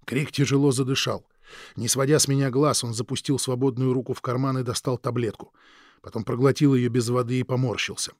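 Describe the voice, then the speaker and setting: A male narrator reads a novel aloud in the first person, in a low, subdued and even voice. His voice sits in the middle range for a man. The recording is dry and close. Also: a little fast, no room sound. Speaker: audiobook narrator.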